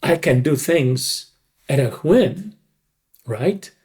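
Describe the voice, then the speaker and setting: An older dubbing director explains his craft emphatically in an interview, repeating words for stress. His voice is a little high, darkish, slow and lively in intonation, and it sounds creaky, untrained and slightly tired.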